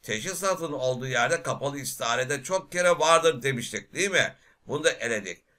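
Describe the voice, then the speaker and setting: A man teaching literature for an exam, reading verses aloud and asking his class lively questions he answers himself. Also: medium pitch, brisk. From Turkey. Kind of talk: exam prep lecture.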